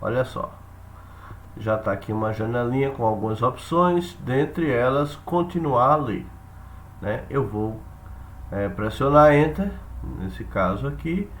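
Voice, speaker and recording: A man with a Brazilian accent explaining software step by step, haltingly, repeating phrases and checking in with listeners. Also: medium pitch, animated, slight background noise. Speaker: instructor demonstrating software. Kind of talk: spoken tutorial, explaining step by step.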